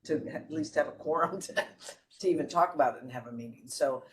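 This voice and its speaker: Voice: mid-range voice, fairly quick, slight background noise, rough recording. A participant in a board meeting, talking conversationally and rambling with trailing asides. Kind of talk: meeting discussion.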